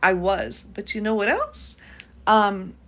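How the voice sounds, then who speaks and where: A chatty woman in her fifties from the United States, hosting a relaxed livestream from home. Her voice swings widely in pitch as she talks straight to viewers and answers their comments. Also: slow. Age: 50s. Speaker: YouTube host. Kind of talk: casual livestream chat.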